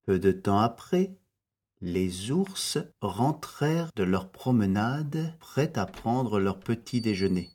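A man reads a bedtime fairy tale in a slow, lilting voice. His tone is slightly husky and rises and falls a lot. Quiet music plays underneath. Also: fairly low pitch, very animated. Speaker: narrator. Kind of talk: storybook reading. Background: soft music.

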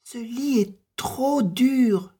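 A man voicing a fussy little girl in a high, picky tone. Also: extremely slow, mellow, slightly rough, exaggerated voice.

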